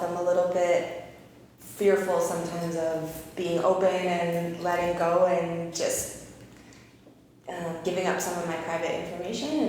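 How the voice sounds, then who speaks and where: A woman in her thirties from Calgary, an eyebrow artist telling her story as an interview guest in an open, energetic way. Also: on the low side. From Canada (Calgary). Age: 30s. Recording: roomy reverberant space with faint noise.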